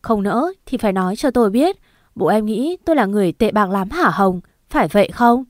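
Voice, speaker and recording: A woman's voice: medium pitch, animated, a little fast, dry recording, studio quality, lightly acted. A woman voicing a young master of a wealthy household who questions in a stern tone.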